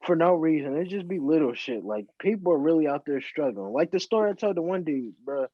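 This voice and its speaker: A young man, telling stories casually with lots of halting repeats and slang. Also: a little high, lively intonation, no room sound. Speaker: podcast co-host. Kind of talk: casual chat. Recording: slightly dull lo-fi audio.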